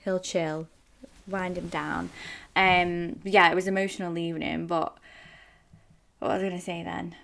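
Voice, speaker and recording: A woman's voice: on the low side, flat delivery, a little slow, vocal fry, pauses often, a bit bright. A young adult woman co-hosting a podcast, telling a rambling, chatty story in casual conversation and laughing often. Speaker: podcast co-host. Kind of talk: casual chat.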